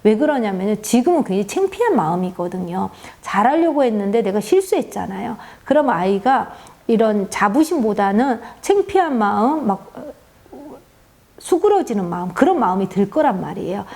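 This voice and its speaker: A woman's voice: mid-range voice, sing-song, normal speed. A middle-aged woman giving an earnest parenting talk, telling stories and often affirming with short "yes" sounds. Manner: earnest, warm storytelling with many "네" affirmations. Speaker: parenting lecturer. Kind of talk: parenting talk with acted examples.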